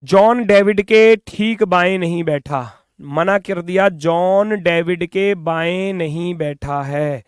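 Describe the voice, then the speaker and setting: A man teaching reasoning in an online exam-prep class, brisk and coaxing, sometimes scolding students playfully, speaking English with an Indian accent. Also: high-pitched, clean tone, dry recording, studio quality.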